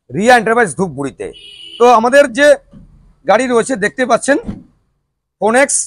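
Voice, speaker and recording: A man giving an emphatic, repetitive promotional sales pitch like an announcer, as a showroom promoter. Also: no room sound. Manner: emphatic, repetitive announcer-like delivery with rhetorical questions. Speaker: showroom promoter presenting e-rickshaws.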